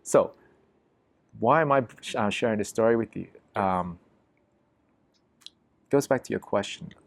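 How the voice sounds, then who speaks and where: A low-pitched man with a gravelly edge tells a story as a podcast guest. He is emphatic and vivid, swearing freely as he goes. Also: a little slow, no echo. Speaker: interview guest.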